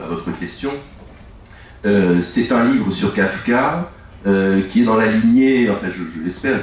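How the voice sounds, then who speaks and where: A man's voice: low voice, distant mic, slight background noise. A middle-aged man, an author and native French speaker, giving long rambling answers full of restarts at a live book talk. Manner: rambling, halting, many restarts. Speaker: author guest. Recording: echoey room, from afar, faint ambience.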